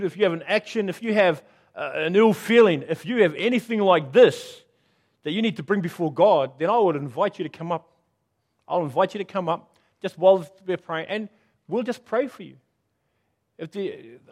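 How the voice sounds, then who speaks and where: A middle-aged man preaching a sermon as pastor, earnest and self-deprecating, moving between loud appeals and hushed moments. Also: high-pitched.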